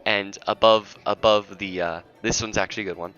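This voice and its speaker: Male game master, teasing narrator, low voice with a bright, forceful edge; muffled lo-fi audio, faint music. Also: steady tone, brisk, clean tone. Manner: laughing, teasing, self-interrupting.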